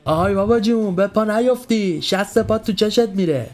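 Man playing a cheeky young heckler, teasing high shouts, distant. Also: lightly acted. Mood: mocking.

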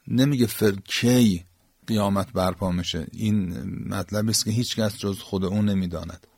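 A man explaining verses and Arabic grammar in a calm teaching manner, pausing with fillers as he goes. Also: lowish voice, no room sound, studio quality. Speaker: Quran teacher.

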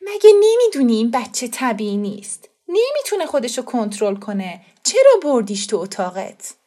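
Woman reading as a sneering middle-aged lady, disdainful, raised and sharp. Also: fairly high pitch, sing-song, voice pushed up. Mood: scornful. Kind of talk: audiobook character voice.

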